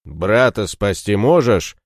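A man's voice: on the low side, expressive, slow, no echo, studio quality. A man voicing a hard, menacing young male warrior who speaks bluntly and threatens in an audiobook story. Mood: grim.

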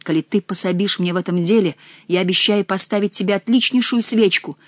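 A woman voicing a sharp-tongued male jester who barks orders and mocks. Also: mid-range voice, brisk, no room sound, natural voice. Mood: commanding. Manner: commanding, mocking.

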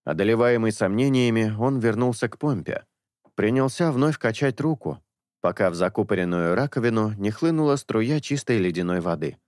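A man reads an audiobook in a low voice, measured and expressive. His pitch moves widely as he tells the story, and the recording is dry and close. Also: no room sound. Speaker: audiobook narrator. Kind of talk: scripted audiobook narration.

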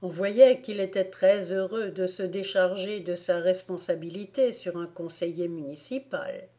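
A woman reading a storybook aloud as a volunteer audiobook narrator, in a calm, measured manner. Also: on the low side. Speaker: audiobook reader.

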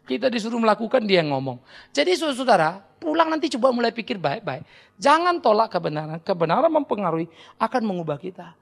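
Indonesian pastor preaching, high gravelly voice, teasing and animated, mimics his congregation. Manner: animated, teasing, acts out congregants in quick asides. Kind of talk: sermon.

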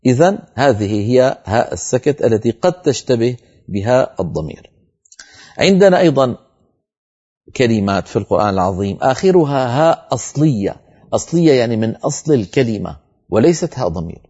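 Man teaching Quran recitation, slow chanting. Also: medium pitch, sing-song, warm tone, breathy edge, muffled recording. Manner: explains rules, then chants Quran verses slowly and drawn out. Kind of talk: televised tajweed lesson.

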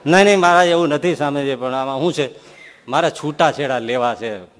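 A man's voice: a little high, a little fast, pitched below the performer's own voice, close to an everyday voice. A male preacher voicing a troubled married man who pleads with a monk in a flustered way. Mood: pleading. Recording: echoey hall.

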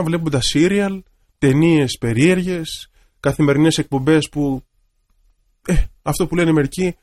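A man, an Orthodox priest, giving a radio sermon in a gentle, reflective storytelling manner. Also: on the high side.

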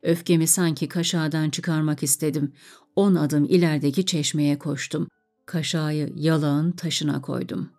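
Woman reading a story, mellow low voice. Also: fairly even intonation, moderate pace, faint music behind.

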